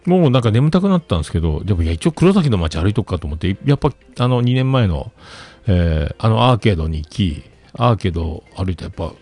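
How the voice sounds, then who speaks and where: A man's voice: lowish voice, very animated, fast talker, darkish tone, faint music behind. A man telling a rambling story in casual chat, with many fillers and asides.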